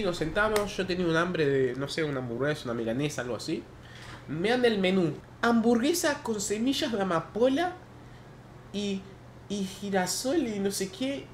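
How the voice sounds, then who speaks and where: A man's voice: sits high, a little hiss or hum. A young man with an Argentine Rioplatense accent casually telling a story to his stream chat, slangy and swearing a lot. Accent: Argentine Rioplatense Spanish.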